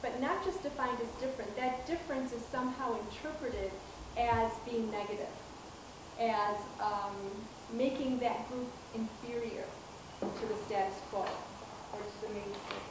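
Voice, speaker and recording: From a dark auditorium stage with a projector screen, a middle-aged female professor delivers a public talk in a soft, slightly high, steady voice, measured and full of ums and restarts. Though she uses a handheld mic, a far-off camera records her, leaving a very echoey, distant sound with room noise.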